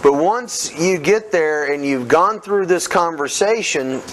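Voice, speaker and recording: Middle-aged guy teaching a live seminar, kinda high voice, really lively pitch, keeps quizzing the crowd. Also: unhurried, a little hiss or hum. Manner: energetic, coaching a room, asks the audience questions. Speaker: real estate trainer. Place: seminar room with a live audience.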